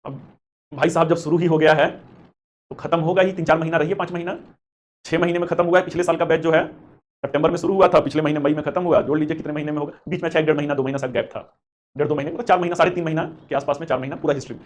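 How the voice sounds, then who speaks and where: Man, history teacher, live coaching class, quick delivery, slightly high voice, chatty, mixes in English terms. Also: steady tone. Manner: addresses students as beta, chatty and encouraging. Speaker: history teacher for civil service exam coaching. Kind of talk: live online class with chat questions.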